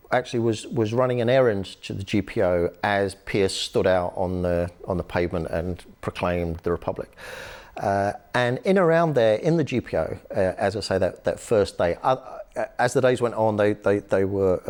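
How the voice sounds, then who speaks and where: A man with a fairly low voice recounts historical episodes in a conversational interview. He tells the stories with energy, often pausing on fillers and restarting his sentences. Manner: lively storytelling with frequent fillers and restarts. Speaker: author and human rights activist, guest.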